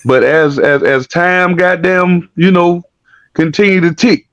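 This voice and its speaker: Gravelly blunt-talking man. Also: sits high, measured pace, fairly bright tone, dry recording, highs cut off. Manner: blunt, profane, repeats words and restarts. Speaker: online talk show guest. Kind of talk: casual chat.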